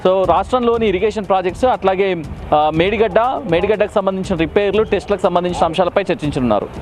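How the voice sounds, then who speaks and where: Guy reporting live from outside, quick and kinda high, some ums, faint traffic noise. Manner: unscripted, with hesitations and English words mixed in. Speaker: field reporter.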